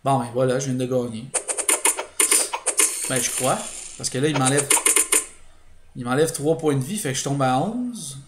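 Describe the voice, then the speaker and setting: A man's voice: medium pitch, moderate pace, long pauses, reverberant, heavy background noise. A man with a Quebec French accent doing let's play commentary, thinking aloud with hesitations and explaining his strategy to viewers. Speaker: gaming channel host.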